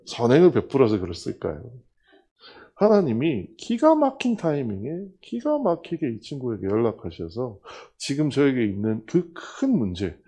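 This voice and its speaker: A man's voice: medium pitch, normal speed, slightly rough. A middle-aged male pastor preaching a sermon, telling a personal testimony and acting out the dialogue of the people in it. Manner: storytelling, acting out dialogue with lively swings.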